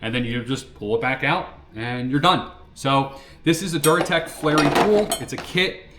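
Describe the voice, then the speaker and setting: A man's voice: medium pitch, normal speed, a bit bright, a little hiss or hum. A man casually demonstrating a hand tool for his DIY channel, checking in with the viewer as he goes. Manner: chatty, checks in with "right?" and "okay?".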